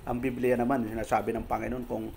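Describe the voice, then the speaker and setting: A man's voice: medium pitch, little pitch movement, fast talker, creaky, a little mellow, slight background noise. A man from the Philippines, a pastor, giving a conversational sermon, reading English scripture verses and explaining them in Tagalog to his listeners.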